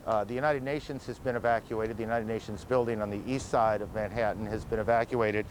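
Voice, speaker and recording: A man anchoring live breaking news, summarizing events in a measured, steady way. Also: lowish voice, a little hiss or hum, poor audio.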